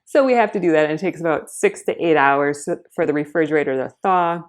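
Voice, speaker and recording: Female vlogger, slightly low voice, earnest casual narration that explains things step by step. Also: brisk.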